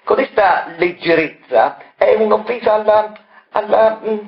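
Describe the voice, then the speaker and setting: A man's voice: fairly high pitch, very animated, slow, voice pushed up, full character voice. A man voicing a pompous, flustered doctor who stammers in indignation. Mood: indignant. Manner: stammering, indignant, self-important. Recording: echoey, dull, with soft music.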